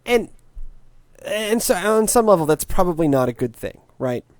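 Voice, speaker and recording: Animated wry man in his late twenties. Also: high voice, moderate pace, no echo, studio quality. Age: late 20s. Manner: animated, wry, rambling with restarts. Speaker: podcast co-host, tech commentator. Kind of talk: casual tech podcast chat.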